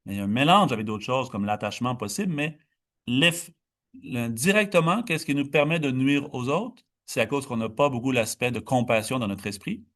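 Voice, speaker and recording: A man teaching meditation in a dharma talk, explaining slowly, stretching key words and often restarting. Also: mid-range voice, lively intonation, a bit bright.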